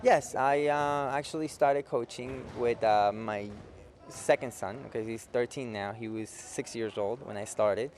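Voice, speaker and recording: A man's voice: medium pitch, unhurried, darkish tone, slight background noise. A man in his forties from Peru, a youth futsal coach in a local cable TV interview, who explains simply and keeps checking in with "okay?". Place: indoor futsal facility.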